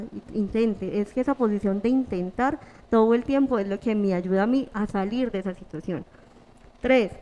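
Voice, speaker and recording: A woman psychologist, calmly explaining in an interview and listing her advice as numbered steps. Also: mid-range voice, low-quality recording. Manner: calm, instructive, lists numbered steps. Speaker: hospital psychologist.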